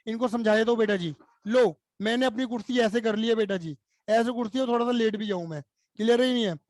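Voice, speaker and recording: A man's voice: sits high, a little fast, darkish tone. A man teaching accountancy in Hindi-accented speech, explaining playfully and acting out little skits and chants for students. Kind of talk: energetic classroom explanation.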